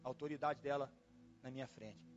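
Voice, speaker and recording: A pastor preaching in a church, telling a personal story in a dramatic way, exclaiming and repeating himself. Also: male voice, mid-range voice, fairly even intonation, fairly quick. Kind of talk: storytelling sermon. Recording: dull lo-fi sound with faint music.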